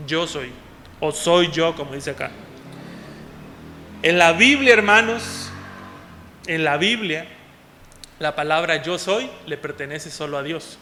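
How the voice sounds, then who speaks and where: High-voiced preacher in an echoing hall. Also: male voice, lively intonation, takes it slowly, long pauses, a little hiss or hum. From Mexico. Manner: preaching, often calling out "hermanos", swinging between loud and soft. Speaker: pastor. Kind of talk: sermon. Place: church hall. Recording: long hall reverb.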